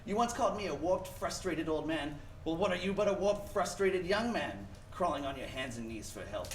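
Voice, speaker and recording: An actor playing a cruel old rich banker in a radio play, mocking and contemptuous. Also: male voice, on the high side, animated, normal speed, far from the mic, natural voice. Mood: gloating, scornful. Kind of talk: 1940s radio play acting. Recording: echoey stage, background noise.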